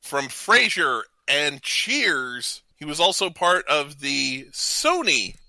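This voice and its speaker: Running a trivia game as a podcast host on a laid-back talk show, a man chats informally and falters a bit whenever he improvises. He speaks slowly in a fairly high, sing-song voice with vocal fry and a sharp tone. There's no echo.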